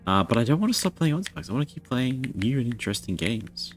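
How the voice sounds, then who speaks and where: A man's voice: medium pitch, big pitch swings, fast talker, faint music behind. A man streaming a video game live, chatting casually and rambling to his viewers. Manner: rambling, chatty, self-deprecating.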